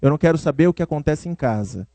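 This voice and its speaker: A man's voice: a little high, animated, fast talker, mellow, dry recording. A man with a Brazilian Portuguese accent preaching a sermon in a conversational way, speaking to his listeners by name. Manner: conversational, addresses listeners by name, acts out quoted voices.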